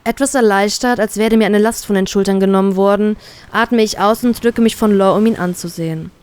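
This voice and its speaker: A woman calmly reading a first-person fanfiction story aloud. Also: mid-range voice, brisk, clean tone. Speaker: fanfiction reader.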